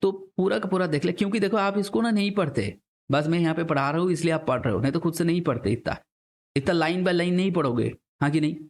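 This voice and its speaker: A man's voice: a little high, fast talker. Chatty male teacher lecturing exam students. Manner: conversational, mixes English terms, asks students rhetorical questions. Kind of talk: classroom lecture.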